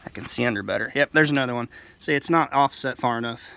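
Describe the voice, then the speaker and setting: A congested roofer with a nasal voice presents his own video outdoors from a house roof, rambling through an informal, unscripted, plainspoken hands-on explanation. His voice is medium-pitched and gravelly, pushed and bright, and he talks fast.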